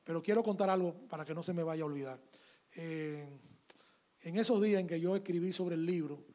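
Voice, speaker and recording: A man with a Dominican Spanish accent, speaking in a fairly high voice. He tells a story in an interview and acts out the conversation he had. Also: fairly quick. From Dominican Republic. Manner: animated anecdote, acts out dialogue. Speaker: author.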